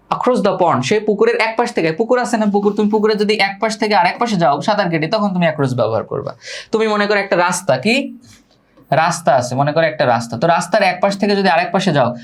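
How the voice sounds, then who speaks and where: Male classroom teacher, patient and repetitive, checks understanding often. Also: high voice. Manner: explains slowly, repeats key words, checks "ঠিক আছে?"; scolds students to pay attention. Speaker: English grammar teacher. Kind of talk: classroom lecture.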